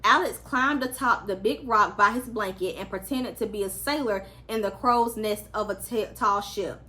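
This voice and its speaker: A woman's voice: mid-range voice, moderate pace, bright, forceful tone. A woman reading a children's story aloud as a storyteller, acting out the characters' lines expressively.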